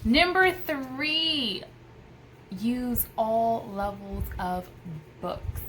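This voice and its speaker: An American homeschooling mom in her thirties offers casual vlog tips to camera from a small indoor room by a window, enthusiastic and emphatic with repeated phrases. Her fairly high, expressive, fairly bright voice is extremely slow, on a low-quality recording with a little hiss or hum.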